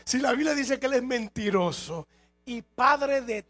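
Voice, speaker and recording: A man preaching a sermon as a pastor, emphatic, his loudness rising and falling. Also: very high-pitched, animated, unhurried, dry recording, faint music behind. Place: church hall.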